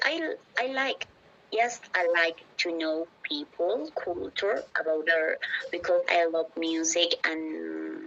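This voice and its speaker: A woman's voice: fairly low pitch, creaky, fairly bright tone. A woman practising English conversation, hesitant and searching for words with many fillers, over a video call. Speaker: English learner. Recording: dull lo-fi audio.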